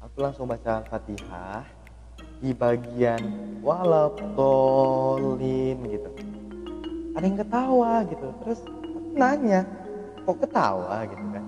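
A man's voice: mid-range voice, big pitch swings, moderate pace, pauses often, muffled recording. A young man recounts a spooky personal experience in a loose, chatty manner, full of little fillers. His voice rings out with a long reverb tail, and music plays underneath. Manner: chatty, filler-heavy storytelling. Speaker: storyteller. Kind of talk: casual personal horror story. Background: background music.

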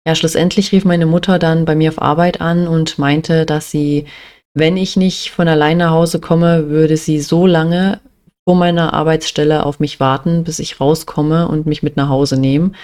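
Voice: medium pitch, little pitch movement, normal speed, darkish tone, clean tone. A young adult from Germany telling a personal story in a plain, matter-of-fact way, with many small fillers. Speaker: vlogger.

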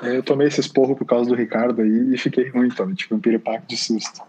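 A young man, co-hosting a casual podcast and telling a story in a slangy, animated way. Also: medium pitch, quick pace, poor audio. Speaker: podcast co-host.

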